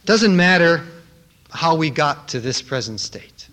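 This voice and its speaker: A man's voice: a little high, animated, measured pace, a bit bright. A man preaching a sermon to a congregation, with an emphatic delivery that repeats key words for effect. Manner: emphatic, repetitive rhetorical delivery.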